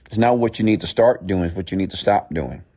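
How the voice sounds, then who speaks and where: A man's voice: low-pitched, fast talker, warm tone. A man giving a motivational mindset talk in a blunt, scolding, emphatic way, repeating phrases and posing rhetorical questions. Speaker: motivational speaker and host.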